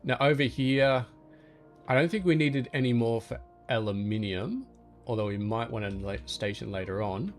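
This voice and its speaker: A man's voice: mid-range voice, expressive, normal speed, faint music behind. Easygoing man thinking aloud. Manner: easygoing, thinking aloud, talks to game objects. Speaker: gaming channel host. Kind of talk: relaxed gameplay commentary.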